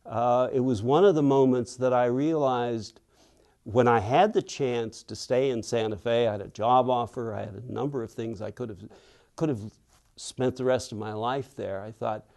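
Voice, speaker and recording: Gravelly and a little mellow, his mid-range voice carries the thoughtful, unhurried tone of an older author from Western Pennsylvania. During an interview he recounts reflective stories and performs the voices of people he quotes.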